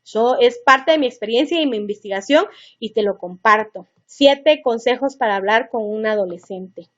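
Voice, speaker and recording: A middle-aged woman with a high voice teaches parents in a seminar. She talks in a chatty, earnest way, addressing the listener directly, and the recording sounds dull and lo-fi. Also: moderate pace, fairly bright tone.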